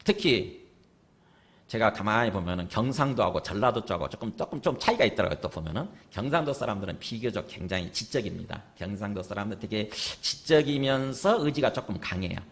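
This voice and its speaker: A man's voice: fairly low pitch, lively intonation, brisk. A male pastor preaching a sermon in a conversational way, often asking the congregation rhetorical questions. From South Korea.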